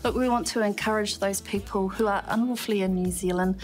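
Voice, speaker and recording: Lady from the immigration office, calm formal answers, faint music. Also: mid-range voice. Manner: measured, formal. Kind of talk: interview answers.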